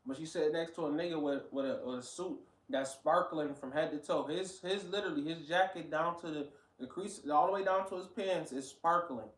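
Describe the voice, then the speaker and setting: A man rants in blunt, profane bursts as he reacts to a clip. His voice sits somewhat high. The room around him rings with echo. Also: a little fast, few pauses, a bit bright, far from the mic. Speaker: reaction commentator. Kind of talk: casual commentary.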